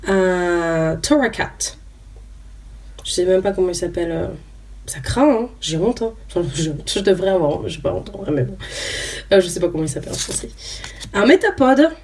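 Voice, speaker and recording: A woman's voice: lowish voice, a little mellow. A young woman chatting casually as she opens trading cards, hesitant with lots of fillers, reading each card name aloud. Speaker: YouTuber opening trading cards. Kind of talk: casual unboxing chat. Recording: voice a bit far from the mic, faint noise.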